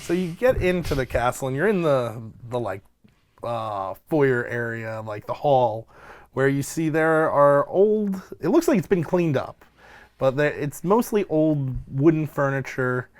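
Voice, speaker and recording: A man narrating a tabletop game as game master, improvising in a casual, halting way. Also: mid-range voice, expressive.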